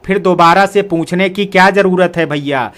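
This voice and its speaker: A spoiled, sly younger sister, as a man reads her aloud, whining to defend herself. The voice is high for a man. It is a storybook character. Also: moderate pace, a bit bright. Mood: defensive, whiny.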